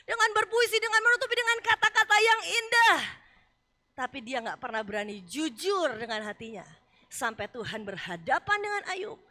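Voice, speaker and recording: Woman pastor, Indonesian accent, high bright voice, chatty animated sermon. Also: normal speed. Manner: animated, acts out voices of Job and God; conversational, casual asides.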